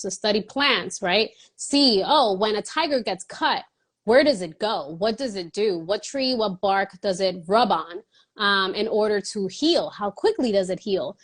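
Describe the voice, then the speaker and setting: A woman's voice: medium pitch, a bit bright. A woman in her thirties from the Dominican Republic, a guest in an interview, answering at length in an earnest way with small laughs between phrases.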